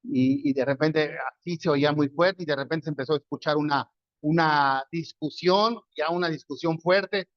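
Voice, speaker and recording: A man's voice: a little high, moderate pace, no echo, highs cut off. A man with a Mexican accent preaching a sermon, telling a story in a conversational way and asking and answering his own questions. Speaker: pastor.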